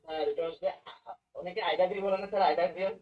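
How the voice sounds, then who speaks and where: A man's voice: high voice, steady tone, a little fast, slight background noise. A man asking his teacher a question in an online class, hesitant and repeating himself. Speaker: student. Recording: distant dull call audio.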